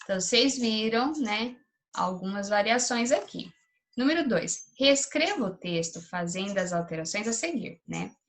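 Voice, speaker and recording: Patient Brazilian teacher explaining to children. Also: female voice, medium pitch, animated. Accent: Brazilian Portuguese. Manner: patient, explanatory, ends phrases with a questioning tag; reads exercise text slowly and deliberately. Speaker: primary school teacher. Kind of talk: recorded remote class lesson.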